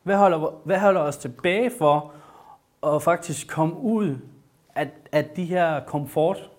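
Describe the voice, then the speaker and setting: A man delivers a casual sermon with a slightly high voice. He sounds excited and talks loosely, with plenty of hesitations and restarts. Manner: enthusiastic, many fillers and restarts. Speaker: preacher. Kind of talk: informal sermon with Bible reading.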